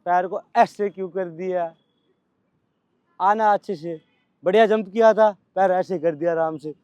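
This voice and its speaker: Brisk, scolding Delhi coach, high voice. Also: male voice, a little mellow, clean tone, no echo, highs cut off. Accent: Delhi Hindi. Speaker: physical training coach. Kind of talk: coaching at outdoor practice.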